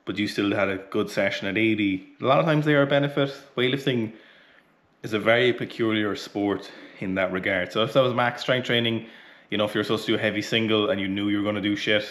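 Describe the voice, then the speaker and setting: An Irish weightlifting coach in his thirties talks fast in a lowish, slightly bright voice, chatting bluntly between sets in a small home gym while sweaty from training. He swears casually in this casual training vlog, recorded by a camera close in front of him.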